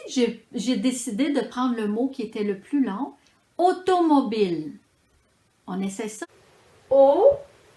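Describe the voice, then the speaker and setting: A woman with a Quebec French accent teaching preschool children to count syllables, drawing out each word in a slow, sing-song way. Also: a little high. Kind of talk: children's phonics lesson. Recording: echoey room with background noise.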